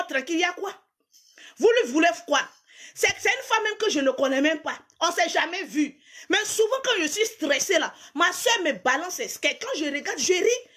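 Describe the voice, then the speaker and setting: A young woman, ranting loudly and mockingly at her followers, often shouting and laughing. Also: very high voice. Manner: loud, mocking, repeats catchphrase, shouts and laughs. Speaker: social media personality.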